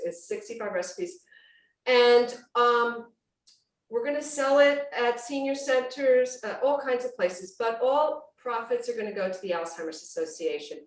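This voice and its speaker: A woman hosting an online cooking class, talking in a casual, chatty, exclamatory way over a video call. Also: a little high. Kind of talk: casual livestreamed cooking demonstration chat. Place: indoors at home, on a video call. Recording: roomy, distant-mic video-call sound.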